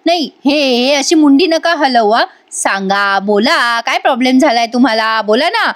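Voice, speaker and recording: A woman's voice: high voice, animated, normal speed, a bit bright. A woman re-enacting a chatty coaxing young wife. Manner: pleading, talkative, repeating questions. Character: young wife, chatty, coaxing, pestering her sulking husband. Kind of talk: re-enacting serial dialogue in a voice-over review.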